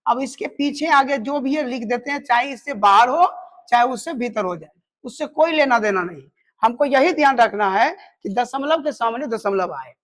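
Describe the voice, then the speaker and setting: A woman with a fairly high voice teaches a math lesson. She works through each step slowly and counts the digits out loud as she goes. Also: animated.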